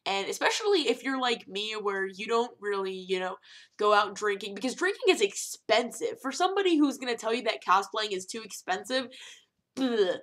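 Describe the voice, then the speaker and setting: A young woman talking casually to camera in a vlog, animated and rambling, with emphatic rhetorical questions. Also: medium pitch, brisk. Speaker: vlogger.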